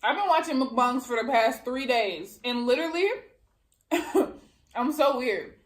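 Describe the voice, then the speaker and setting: A woman's voice: high voice, lively intonation, measured pace, reverberant. A young woman, chatting casually and rambling while she eats for her mukbang vlog. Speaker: vlogger.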